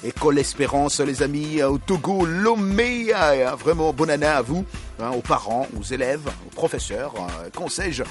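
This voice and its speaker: A man hosting a radio show, greeting listeners and joking with a guest in a lively, casual way. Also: mid-range voice, normal speed, faint music behind. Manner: lively, jokey, laughs often. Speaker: radio host.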